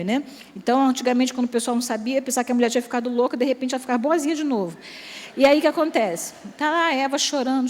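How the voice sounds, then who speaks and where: A woman's voice: a little high, a little mellow. A woman preaching at a family conference in a church, mixing teaching with jokes and acted-out quotes. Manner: humorous, acts out quoted voices. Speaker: church speaker. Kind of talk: sermon with jokes. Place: large church hall. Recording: church hall reverb.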